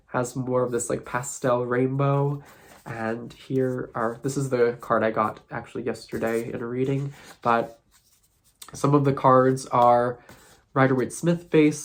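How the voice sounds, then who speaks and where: A man whose voice sounds nasal and congested from sinus trouble talks through a casual vlog. His delivery is thoughtful and musing. His pitch stays fairly flat and even throughout. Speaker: tarot content creator.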